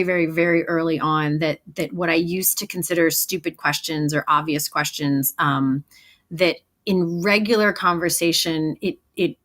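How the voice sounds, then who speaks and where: A woman's voice: on the low side, fairly bright tone. A woman, a business coach, answering as a guest in an interview, telling personal stories in a reflective, earnest way. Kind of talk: conversational interview storytelling.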